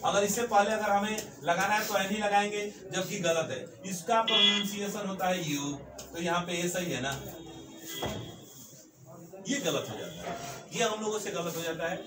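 A man teaching an English grammar lesson, emphatic and repetitive, often adding "sir" as he drives his points home. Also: high-pitched. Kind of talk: classroom-style grammar lesson. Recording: echoey room, mic far off, background noise.

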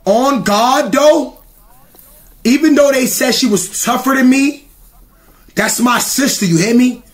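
A man hosting a live stream talent show, loud and playful in casual banter. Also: very high-pitched, a little slow. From New York.

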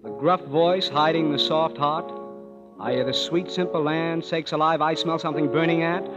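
A sardonic, cynical musician in his twenties, played by an actor in a 1930s radio play, shoots off dry sarcastic wisecracks. His fairly high voice sounds natural, with a steady tone and moderate pace. The recording is a dull old radio broadcast with long hall reverb and music in the background.

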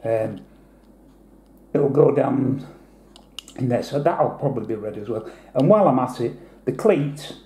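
A man's voice: medium pitch, lively intonation, unhurried, long pauses, dark tone, echoey room. A man giving a chatty, rambling hobby tutorial, explaining each step as he goes. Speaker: model painter. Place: indoor hobby desk.

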